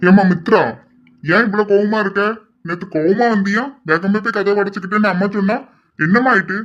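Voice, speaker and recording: A woman's voice: mid-range voice, fairly quick, highs cut off, close to an everyday voice. A woman voicing a stern but caring middle-aged father in an audio drama, speaking in an insistent, questioning way. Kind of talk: amateur audio drama acting.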